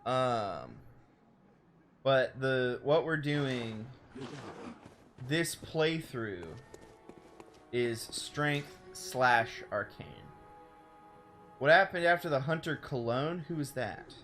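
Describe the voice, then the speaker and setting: A young man chatting casually through a game stream, rambling and excitable, exclaiming at the game as he plays at home. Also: mid-range voice, drawn-out words, long pauses, soft background music. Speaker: let's play streamer. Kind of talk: casual gameplay commentary. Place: home room.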